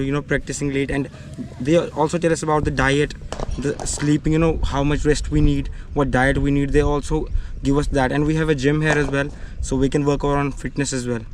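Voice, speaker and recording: With a Kashmiri accent, a young adult cricketer from Srinagar, Kashmir, politely handles interview questions and frequently says "you know." His fairly high voice barely shifts in pitch and runs a little fast, over clear background ambient noise.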